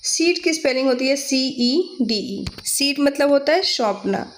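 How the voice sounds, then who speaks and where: A woman's voice: high-pitched, lively intonation, measured pace, slight background noise. A woman with an Indian accent teaching English spellings for exams, spelling words out letter by letter and checking with "theek hai". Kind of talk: exam-prep vocabulary lesson.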